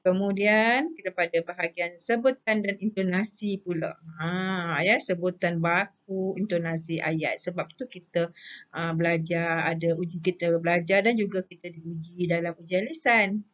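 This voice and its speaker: A woman teacher with a Malaysian Malay accent talks through a grammar lesson at a measured pace. She sits a little low in her register, lists terms deliberately and answers her own prompts. The recording is dull and lo-fi. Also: fairly even intonation, a bit bright.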